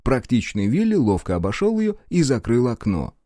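A man narrating an audiobook in an expressive, animated way. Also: mid-range voice, moderate pace, no echo, studio quality. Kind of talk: scripted narration.

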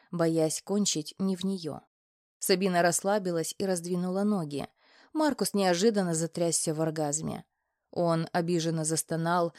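Woman, audiobook narration, even unhurried reading, lower voice, dry close sound. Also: dry recording. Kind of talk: scripted narration.

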